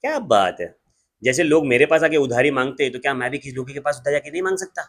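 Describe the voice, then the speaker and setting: A man with an Indian accent teaching an accountancy class in a joking, lively way, slowing down to dictate definitions. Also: medium pitch. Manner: lively, joking, switches between Hindi and English, slows down to dictate definitions. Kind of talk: classroom lecture.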